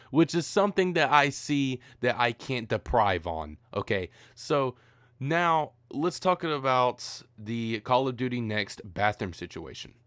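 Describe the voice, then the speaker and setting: A man's voice: medium pitch, a bit bright, no echo, clean studio sound. A tired man ranting profanely in a rambling, exasperated gaming commentary.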